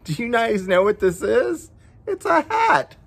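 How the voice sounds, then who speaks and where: A story time host reads a picture book aloud to children, playfully coaxing them and chatting directly to his young viewers between passages. His very high-pitched voice swings hugely in pitch, moves at a measured pace, and sounds gravelly and husky.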